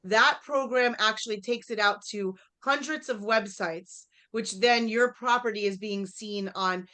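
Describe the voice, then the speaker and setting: A woman leading a live real estate workshop. She talks straight to the room, quizzes her listeners and acts out short exchanges with clients. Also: medium pitch. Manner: energetic, talks straight to the audience, quizzes them; acts out quick dialogues with clients.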